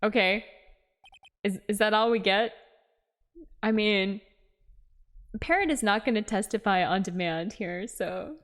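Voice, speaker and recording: A woman's voice: medium pitch, a little slow, long pauses, fairly bright tone. A woman live-streaming a game, chatting with viewers in a playful, giggly way. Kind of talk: live stream chat with game dialogue read aloud.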